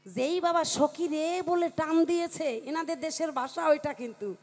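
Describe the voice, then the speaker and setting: A female folk performer with a high voice tells a comic folk tale to a live audience through a stage microphone. At normal speed, she keeps her delivery lively and chatty, repeatedly calling out to the crowd.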